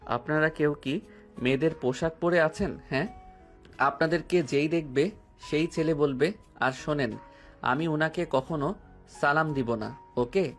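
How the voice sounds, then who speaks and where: A man's voice: fairly high pitch, unhurried, pauses often. A man voicing a cheeky, cocky young male college freshman who answers back defiantly in an audio drama. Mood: mocking. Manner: mocking, defiant. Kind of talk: Bengali audio love-story drama. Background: faint background music.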